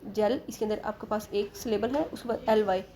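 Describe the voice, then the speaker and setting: A woman's voice: mid-range voice, fairly quick, noisy background. A woman teaching English in Hindi, spelling out letters and sounds, patiently asking and answering her own questions. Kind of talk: explaining lesson in Hindi with English terms.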